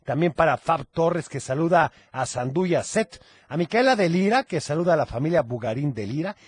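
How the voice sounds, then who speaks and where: A man's voice: a little high, animated, moderate pace, slightly rough. A man with a Mexican accent hosting a children's radio show, playful, exclamatory and teasing. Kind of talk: lively kids' radio chat.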